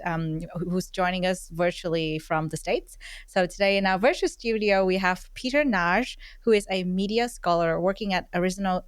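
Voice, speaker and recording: A woman's voice: on the low side, dry recording. A woman hosting a podcast interview over a remote recording, friendly and chatty with frequent fillers. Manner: friendly, many fillers, laughs often. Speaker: podcast host. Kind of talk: casual interview chat. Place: recorded virtually, remote call.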